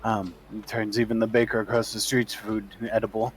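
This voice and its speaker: A man improvising as game master and shopkeeper in a tabletop role-playing game, speaking in a hesitant, halting way. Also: lowish voice, level tone, crowd noise, rough recording.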